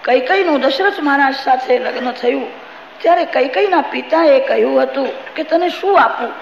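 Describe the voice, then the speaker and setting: A male preacher telling a scripture story to a live gathering, his voice high and strongly gravelly. He breaks off to speak directly to his listeners. The recording has a long hall reverb and faint room noise. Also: moderate pace, lo-fi sound. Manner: storytelling with moral asides to the audience. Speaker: religious storyteller. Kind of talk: devotional scripture storytelling sermon.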